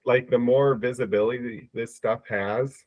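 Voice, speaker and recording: A man's voice: mid-range voice, fairly even intonation, measured pace, slight background noise. A man with a Midwestern accent talking casually on a podcast, often repeating words as he thinks. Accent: Midwestern American. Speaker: podcast co-host. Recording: dull lo-fi dry sound.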